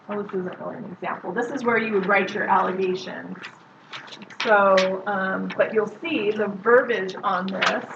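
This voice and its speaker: Woman social worker teaching a class, chatty, muffled noisy recording. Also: mid-range voice. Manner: casual, conversational, quizzes the audience. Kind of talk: classroom lecture. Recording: muffled lo-fi recording with loud background noise.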